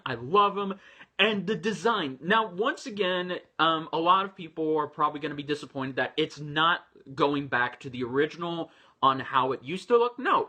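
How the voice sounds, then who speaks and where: A man's voice: fairly high pitch, sharp tone, slightly rough. A man giving chatty, enthusiastic reaction commentary, with frequent fillers and restarts. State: voice a little low. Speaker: reaction video host.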